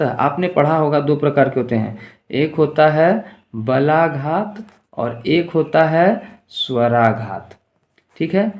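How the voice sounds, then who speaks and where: A man's voice: mid-range voice, a little mellow. Man teaching a Sanskrit exam-prep lesson. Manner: reads Sanskrit questions then explains them in Hindi, asking the class rhetorically; pace swings between slow, drawn-out words and quick runs. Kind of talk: exam-prep lesson going through multiple-choice questions.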